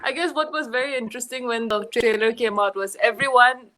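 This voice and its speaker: A woman guest from a film team telling an anecdote in a casual interview, animated and laughing as she goes. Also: a little high, fairly quick, a little hiss or hum, poor audio.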